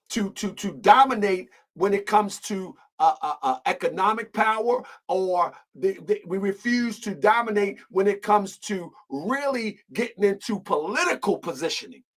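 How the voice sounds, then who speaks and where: A man's voice: sits high, expressive, moderate pace, rough recording. Male host, fired-up solo commentary, hammers rhetorical questions, repeats himself when heated. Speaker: online show host. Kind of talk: impassioned commentary monologue.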